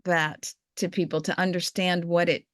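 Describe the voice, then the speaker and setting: A woman's voice: lowish voice, level tone, normal speed, no echo, clean studio sound. A woman being interviewed as a guest, speaking in a talkative, enthusiastic way. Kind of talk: conversational interview.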